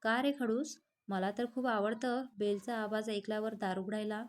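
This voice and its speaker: A woman's voice: mid-range voice, fairly even intonation, moderate pace, close to an everyday voice. A woman voicing a playful, innocent and cheeky young woman in a read-aloud storybook.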